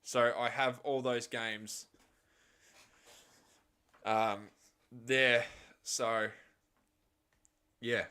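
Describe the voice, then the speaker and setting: Slow-talking man calling live cricket. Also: mid-range voice, clear, resonant tone. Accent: Australian. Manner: excitable calls, chatty asides. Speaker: live reaction streamer.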